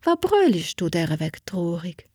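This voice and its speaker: A woman doing a hushed, kindly old saint. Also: lowish voice, very animated, slow, breathy edge, no echo, clean studio sound, exaggerated voice. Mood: gentle. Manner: soft, hushed, whispering. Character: kind old female saint, gentle helper.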